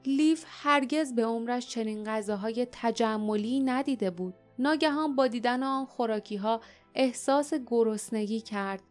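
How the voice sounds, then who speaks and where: Lady reading an audiobook, fairly high voice, soft music under it. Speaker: audiobook narrator. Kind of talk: scripted narration.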